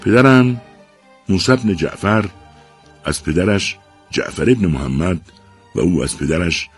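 A man voicing a calm, gentle, revered holy man in an audiobook, speaking in a solemn, measured way. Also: very deep voice, husky, soft background music, heavily acted.

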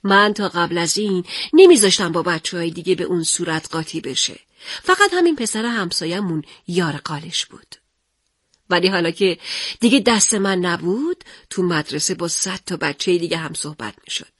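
A woman narrating a first-person story as a mother, expressive and confiding with her listeners. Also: fairly low pitch, dry recording, clean studio sound.

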